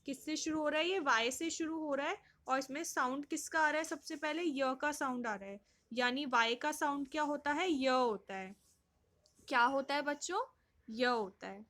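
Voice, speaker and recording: A woman teacher giving an online lesson to young children, slow and patient, repeating each question and answer, with an Indian English accent. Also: high-pitched, fairly bright tone.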